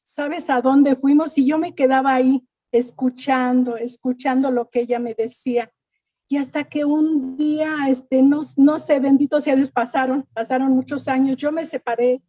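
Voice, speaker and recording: A woman's voice: sits high, mellow, no echo. A middle-aged woman giving an earnest church testimony, often repeating words and thanking God. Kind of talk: personal faith testimony.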